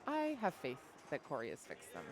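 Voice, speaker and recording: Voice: medium pitch, wildly swooping pitch, brisk. A commentator giving upbeat, playful live play-by-play at a pinball tournament. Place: pinball arcade bar. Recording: noisy arcade background.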